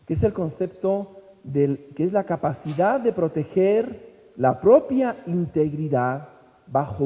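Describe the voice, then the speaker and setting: Preacher in an echoing hall. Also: male voice, on the high side, mellow. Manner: conversational, constant tag questions. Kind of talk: sermon-style talk. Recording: long hall reverb.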